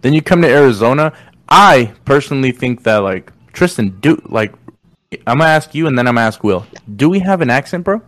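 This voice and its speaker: A man's voice: mid-range voice, animated, a little fast, a bit bright, no room sound. A young man hosting a podcast, talking in a loose, rambling, slangy way full of "like" and "bro". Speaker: podcast host. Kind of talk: casual podcast chat.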